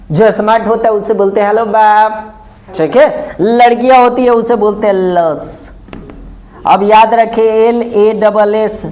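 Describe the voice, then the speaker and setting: A man teaching a spoken-English lesson, who keeps asking what we will say and repeats and spells out words slowly. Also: high-pitched, darkish tone.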